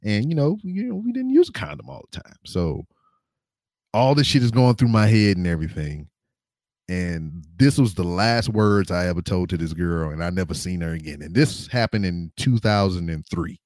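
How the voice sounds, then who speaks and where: A man with a lowish voice spins a casual story, swearing and dropping slang as he goes. His pitch swoops up and down with lively energy, and the sound is close and dry with no room around it. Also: normal speed, no echo. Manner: animated, profane, slangy storytelling. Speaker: podcast guest. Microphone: desk microphone on camera.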